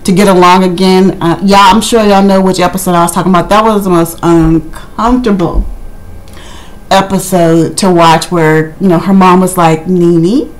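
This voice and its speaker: A woman's voice: fairly low pitch, fairly even intonation, normal speed, low-quality recording. A woman giving a casual, rambling review in a conversational way, slipping into acted-out quotes as she chats to her viewers. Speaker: reality TV recap vlogger. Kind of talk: casual chatty review commentary.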